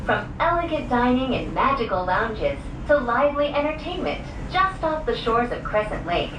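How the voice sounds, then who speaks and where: Woman's announcement over an outdoor loudspeaker. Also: on the high side, moderate pace. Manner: lively, cheerful, carefully paced delivery. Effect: played over an outdoor loudspeaker in a cable car cabin. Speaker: ride announcer. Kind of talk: scripted recorded announcement. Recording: echoey, distant loudspeaker under loud cabin and vehicle noise.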